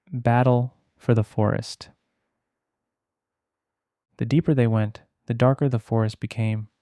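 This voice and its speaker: Male bedtime-story narrator: mellow, clean and resonant, measured delivery with dramatic pauses. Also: mid-range voice, clear, resonant tone, no room sound.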